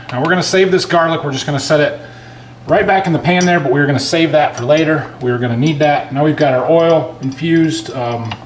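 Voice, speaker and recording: Man hosting a cooking show, noisy kitchen. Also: medium pitch. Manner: folksy, explains each step to viewers. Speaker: home cooking show host. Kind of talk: casual cooking show demonstration, talking while working. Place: home kitchen, indoors. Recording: clear background noise, kitchen clatter.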